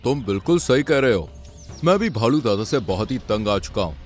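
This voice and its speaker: A man voicing a bossy male lion king who talks quickly and forcefully. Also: mid-range voice, expressive, soft background music, close to an everyday voice. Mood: agreeing.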